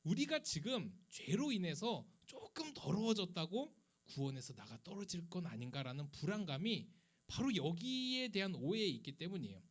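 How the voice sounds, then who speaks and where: Male youth pastor, high and animated, chatty sermon full of rhetorical questions. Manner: lively, conversational preaching with rhetorical questions; acts out quoted speech. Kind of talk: sermon to a middle school youth group. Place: church worship service.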